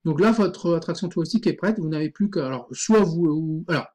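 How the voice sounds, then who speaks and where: A man teaching a screen-recorded software tutorial, informal and thinking aloud, full of fillers. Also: fairly high pitch, fast.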